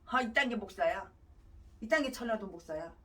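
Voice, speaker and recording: A woman pastor preaching a sermon. She rants and lurches between shouting and muttering. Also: medium pitch, animated, moderate pace, recorded from a distance. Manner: ranting, abrupt swings between shouting and muttering.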